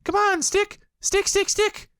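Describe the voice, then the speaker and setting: A man voicing an excitable little young kangaroo who chatters eagerly in a very high voice. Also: takes it slowly, no room sound, clean studio sound, heavily acted. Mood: excited.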